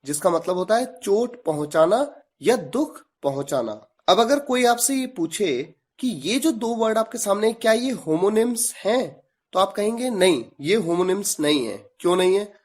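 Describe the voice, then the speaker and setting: A man's voice: high voice, lively intonation, normal speed, darkish tone. A man teaching a video lesson, spelling words out letter by letter and asking rhetorical questions. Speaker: English teacher.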